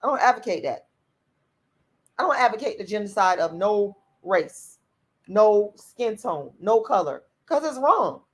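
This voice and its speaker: Very animated yet measured in pace, a channel host with a raspy mid-range voice reacts to viewer comments on her livestream. She's blunt and outspoken, swearing freely and repeating her points to hammer them home.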